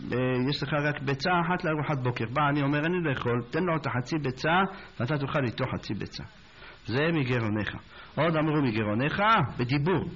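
A man giving a religious talk, telling stories with animated voices for the people in them. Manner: animated storyteller, acts out characters, rises high when excited. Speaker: rabbi or preacher. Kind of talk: sermon with storytelling. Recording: dull lo-fi recording with faint noise.

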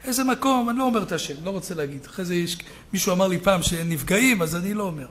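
A man preaching a sermon as a rabbi, telling stories and building up to loud shouted peaks. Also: sits high, slight background noise.

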